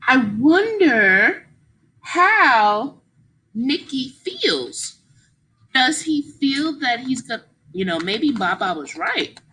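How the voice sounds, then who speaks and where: A woman reads a children's story aloud like an expressive, encouraging teacher, stopping to explain things and ask her young listeners questions. Her voice is mid-range, and the rough recording has slight background noise.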